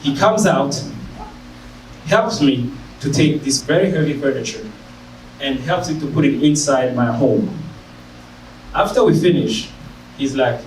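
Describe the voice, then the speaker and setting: A man from Africa with an African accent telling a personal story live on stage, animated and jumping high in pitch when he acts out voices. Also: unhurried, pauses often. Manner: animated, jumps high when acting out quotes. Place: screening room venue, stage. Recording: echoey room, mic far off, faint hiss.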